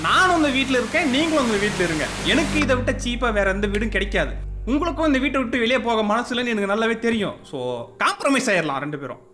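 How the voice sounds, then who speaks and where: A man's voice: extremely high pitch, animated, fast talker. A man hosting a let's-play of a horror game, panicking and scolding the game's ghosts aloud as he goes. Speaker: gaming channel host. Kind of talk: let's-play gaming commentary. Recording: game music playing behind the voice.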